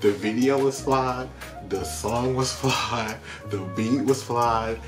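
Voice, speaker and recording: Sassy American drag queen, slow drawn-out delivery. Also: mid-range voice, fairly even intonation. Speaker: drag queen reaction video host. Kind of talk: casual music video reaction. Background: music.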